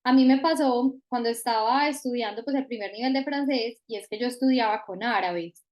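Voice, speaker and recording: A woman hosting a podcast interview, asking questions in a relaxed, conversational way. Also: fairly high pitch, fairly quick. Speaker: podcast host.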